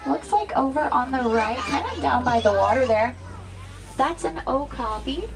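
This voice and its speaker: A woman with a fairly high voice works as a safari guide. She delivers a practiced tour narration, welcoming riders and pointing things out as she goes. She is from Texas and speaks from an outdoor safari truck. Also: animated, normal speed, gravelly, a crowd in the background. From Dallas, Texas. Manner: welcoming, addresses riders as friends. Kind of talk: scripted tour narration with spiels.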